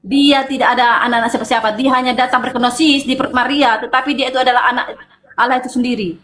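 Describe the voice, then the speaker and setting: A woman's voice: on the high side, fairly even intonation, fast, a bit bright, echoey room. A woman arguing in a heated online debate, defiant and talking over the other speaker. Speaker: church leader in debate.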